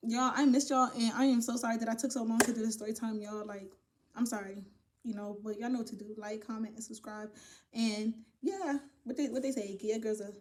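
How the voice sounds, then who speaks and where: Animated young woman telling a storytime. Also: fairly high pitch. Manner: casual, profane, animated storytelling addressing viewers as y'all. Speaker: vlogger. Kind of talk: storytime vlog.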